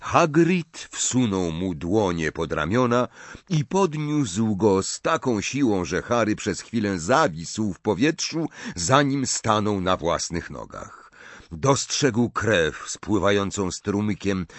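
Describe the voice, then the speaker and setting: Guy reading an audiobook, slow and dramatic, dry close sound. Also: lowish voice, no room sound. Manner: measured, expressive reading. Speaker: audiobook narrator. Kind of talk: scripted storybook narration.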